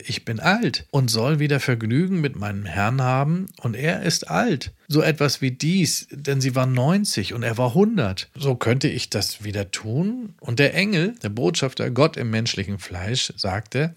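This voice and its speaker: A man preaching a sermon emphatically, with sudden loud raised phrases. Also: medium pitch.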